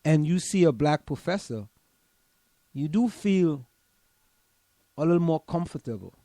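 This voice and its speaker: A man's voice: on the high side, animated, measured pace, dark tone, no echo. A man, a professor co-hosting an online radio show, talking emphatically and repeating words as he thinks aloud. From Trinidad and Tobago. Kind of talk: casual radio chat.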